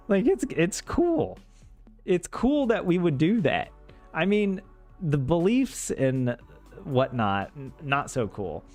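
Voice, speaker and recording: With faint music in the background, a Southern American man streams himself learning Finnish, his fairly high voice sing-song, a little mellow and slow. A native English speaker, he rambles casually and pokes fun at himself.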